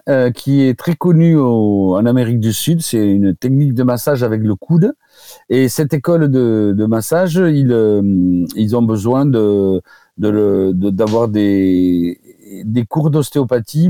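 A man talks casually on the radio as a guest doctor, often stopping to restart his sentences. His voice is mellow and warm. The sound is dry and close to the mic. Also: mid-range voice, dry recording. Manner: hesitant, many fillers and restarts.

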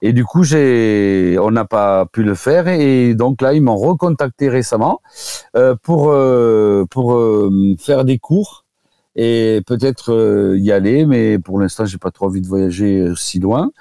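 A man's voice: lowish voice, unhurried, mellow, no echo, studio quality. A man, a guest doctor, chatting casually on a radio show and hesitating with many fillers and restarts.

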